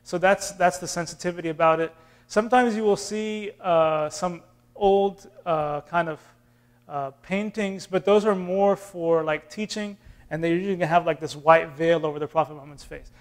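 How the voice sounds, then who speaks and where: Filmed from afar in a community center room, a Texan imam in his thirties from Austin leads an intro class at a moderate pace. His voice runs on the high side, and he answers questions casually, with fillers and restarts, like a teacher.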